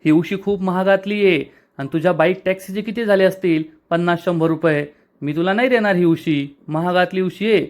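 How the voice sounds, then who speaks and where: A man's voice: sits high, brisk, darkish tone, natural voice. A man voicing a snappy, irritated young woman. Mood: exasperated. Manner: snappy, exasperated. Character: irritated young woman, proud and quick-tempered. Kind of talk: serial recap with retold dialogue.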